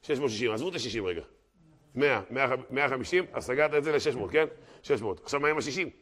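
A male rabbi's mid-range voice carries a dramatic Torah lesson to a live class audience, with sudden loud exclamations. Then comes rapid, auctioneer-like patter urging donations.

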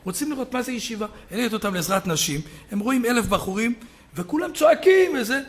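Rabbi guy giving a sermon, really high voice for a man, tells stories and gets loud. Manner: storytelling, builds to loud shouting peaks, chuckles. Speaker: rabbi preaching to a congregation.

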